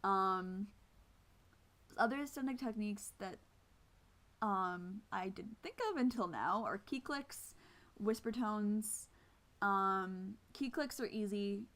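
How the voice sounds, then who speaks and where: Her medium-pitched voice has a fairly bright tone, and she talks slowly with long pauses. The woman, a flute player missing some teeth, offers a relaxed, demonstration-filled tutorial, unsure of herself as she explains and quick to make light of her own skills.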